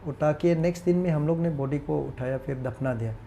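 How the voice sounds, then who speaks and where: A man's voice: fairly high pitch, fairly quick, vocal fry, warm tone, slight background noise. A man, a guest on a talk show, telling a personal story in an earnest, hesitant, reflective way.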